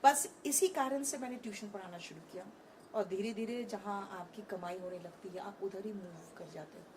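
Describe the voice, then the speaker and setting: A woman's voice: medium pitch, moderate pace, a little mellow, a little hiss or hum. A woman in her thirties, an online English teacher, talking frankly and animatedly in an interview on a conference stage, mixing Hindi with English.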